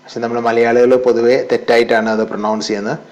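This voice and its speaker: A man's voice: mid-range voice, level tone, fast talker, low-quality recording. A man with a Malayali accent, a native Malayalam speaker, teaching English pronunciation in a bilingual lesson and drilling word lists aloud for students to repeat.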